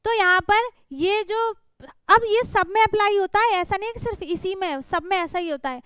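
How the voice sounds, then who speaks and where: Speaking at a normal speed, this young woman has an extremely high, slightly bright voice recorded without echo. She patiently explains a worksheet to young pupils, checking in with "theek hai" and "hai na" to make sure they keep up.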